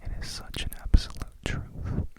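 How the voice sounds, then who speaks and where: A person whispering ASMR affirmations and guided meditation in a reflective, deliberate way. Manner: slow, reflective, deliberate phrasing.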